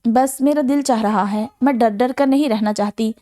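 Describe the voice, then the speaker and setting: A woman voicing a frightened young wife from a novel, quiet and guarded. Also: a little high, natural voice. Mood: quiet, tearful.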